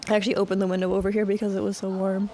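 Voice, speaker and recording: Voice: mid-range voice, completely flat delivery, rapid-fire, darkish tone. A co-commentator from Massachusetts chatting casually on a live stream. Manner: friendly, chatty, with fillers.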